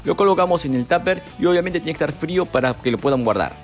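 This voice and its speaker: A young man talks through a recipe one calm step at a time. His voice sits a little higher than most men's. Soft music plays under the voice-over. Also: fast. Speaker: cooking channel host.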